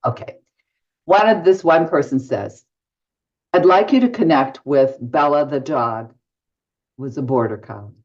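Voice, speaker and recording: Older woman, medium, podcast guest, storytelling, swinging expressive pitch, acts out dialogue, muffled lo-fi audio. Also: measured pace, long pauses. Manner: animated, acts out both sides of dialogue. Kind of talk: anecdotal storytelling in a podcast interview. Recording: dull lo-fi audio.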